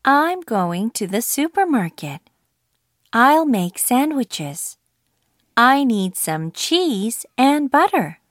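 A woman reading the answering part of a practice dialogue slowly and clearly. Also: a little high, very animated, dry recording, clean studio sound, full character voice. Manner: slow, deliberate.

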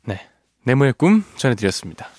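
A man's voice: medium pitch, sing-song, a little fast, a little mellow, no echo, studio quality. A man hosting a radio show, reading out listener messages playfully and laughing often. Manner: playful, laughs often, strains voice singing a line. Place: radio studio.

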